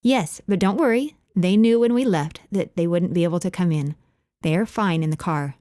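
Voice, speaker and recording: A woman's voice: lowish voice, normal speed, dark tone, dry recording, studio quality, lightly acted. A woman voicing a kind, cheerful neighbor and mother of a big family, speaking in a lifted, friendly tone. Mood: warm, cheerful.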